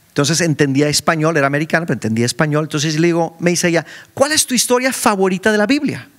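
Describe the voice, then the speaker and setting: Preacher guy, middle-aged, kinda high voice, tells his sermon like a story and acts out every voice. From Mexico. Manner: animated storytelling, acting out dialogue with sudden pitch jumps. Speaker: preacher and school director.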